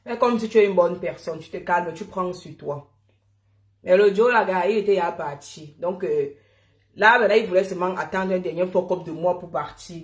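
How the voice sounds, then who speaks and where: Woman, casual storytelling, chatty, laughs often, echoey room. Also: lowish voice. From Cameroon. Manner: lively and chatty, often laughing, calls listeners "mon frère".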